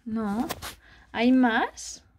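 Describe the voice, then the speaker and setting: A woman, a vlogger and mother, chatting softly and dotingly with a child and her viewers. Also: fairly high pitch, animated, drawn-out words, a little hiss or hum. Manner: doting and soft, speaking as to a small child. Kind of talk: casual chat with a child and viewers.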